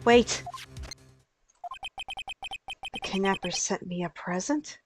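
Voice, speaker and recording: A woman's voice: mid-range voice, animated, takes it slowly, over music. A woman voicing an earnest, anxious and hesitant male defense attorney in a video game. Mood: flustered. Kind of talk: amateur video game voice-over.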